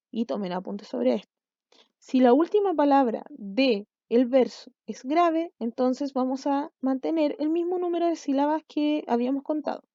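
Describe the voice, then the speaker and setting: Here a high, mellow-voiced woman teaches online, breaking things down patiently and regularly checking how her students are doing. No room sound is audible, and the overall recording comes across as dull lo-fi.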